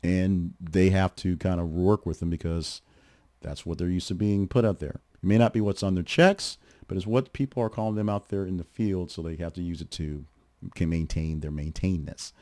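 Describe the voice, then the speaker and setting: A man's voice: deep voice, steady tone, moderate pace, mellow, no room sound. A man hosting a show, talking through sports news in a chatty, conversational way with the odd restart. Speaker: podcast host. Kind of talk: casual sports commentary.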